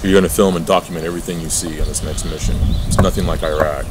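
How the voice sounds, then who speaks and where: Man acting a deep-voiced, terse military general. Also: fairly even intonation, fast talker, close to an everyday voice. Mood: stern, secretive. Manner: terse, commanding. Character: stern secretive male military general giving orders. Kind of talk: amateur action film acting. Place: outdoors on a suburban street. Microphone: handheld camcorder. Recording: very noisy outdoor camcorder audio.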